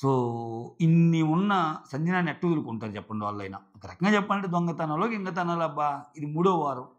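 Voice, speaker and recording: A man's voice: fairly high pitch, animated, fast talker, lo-fi sound. Chatty man reviewing a reality show. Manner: chatty, acts out quoted lines. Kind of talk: casual commentary.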